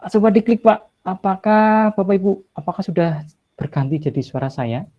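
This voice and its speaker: A teacher-training presenter with a high, expressive voice runs an online tutorial from home in the evening, chatty and apologetic as he thinks aloud while clicking through the screen. He talks at a normal speed, the highs are cut off, and soft music plays behind him.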